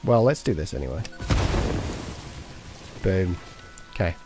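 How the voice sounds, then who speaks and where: A man's voice: deep voice, sing-song, measured pace, music in the background. A man giving casual, rambling commentary while playing a game, joking and muttering to himself. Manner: rambling, jokey, sings to himself. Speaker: streamer.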